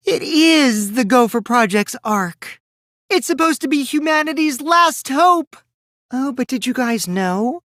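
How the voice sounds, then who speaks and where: A boyish, light, high-voiced male teen trickster from a video game, recorded very dry and close, in animated dub acting. The mischievous, gleefully deceitful schemer is theatrical and taunting, swinging widely between sing-song teasing and cold deceit. Here he is gloating and megalomaniac, animated yet slow, with a fairly bright tone and a full character voice.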